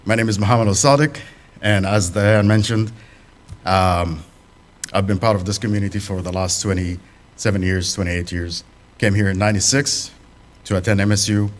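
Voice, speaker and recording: A man with a deep, low voice addresses a congregation as a guest speaker. He talks in an unhurried way, pausing on fillers and restarting phrases. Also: steady tone. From Sudanese family, raised in the UAE. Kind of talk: talk at a congregation. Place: fellowship hall.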